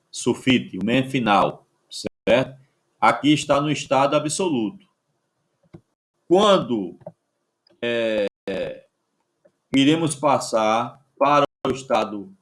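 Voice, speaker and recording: Guy teaching a grammar lesson, slow and halting, keeps asking "right?". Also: mid-range voice. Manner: slow, halting delivery, checks in with "certo?".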